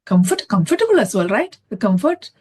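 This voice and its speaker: A woman's voice: medium pitch, big pitch swings, brisk, darkish tone, husky. A woman, Malayalam speaker, chatting casually over a video call, hesitant with many fillers and restarts. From Kerala, India. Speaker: conversation partner. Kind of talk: casual chat.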